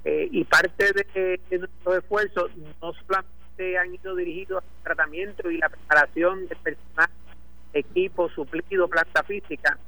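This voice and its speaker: A high, bright-toned man speaks over a cell phone connection that keeps cutting out and breaking up. He explains things at length, stopping often on hesitant fillers and starting his sentences over. At times he drifts away from the phone. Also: no room sound. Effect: phone line breaking up. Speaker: hospital administrator calling in. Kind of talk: phone interview answers. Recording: choppy cell phone line, off-mic at times.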